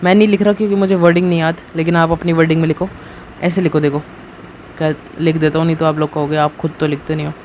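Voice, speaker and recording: A man's voice: fairly high pitch, flat delivery, fast talker, a little mellow. A young man teaching a math lesson in a casual, chatty way, often checking in with his students. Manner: casual, chatty teaching with frequent "theek hai". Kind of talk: screen-recorded math lesson. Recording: faint background noise.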